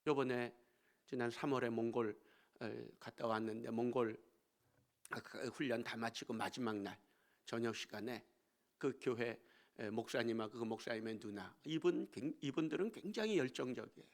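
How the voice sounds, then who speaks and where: A male pastor preaching a storytelling sermon in a church. He swings between hushed asides and emphatic exclamations. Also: mid-range voice, moderate pace. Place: church sanctuary.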